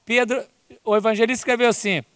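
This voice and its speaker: A man's voice: extremely high pitch, steady tone, fast, a bit bright, smooth, studio quality. A man with a Brazilian accent giving a spiritist lecture at a conference, often tagging his sentences with "né?" and "não é?". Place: conference hall. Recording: long reverb from a big hall.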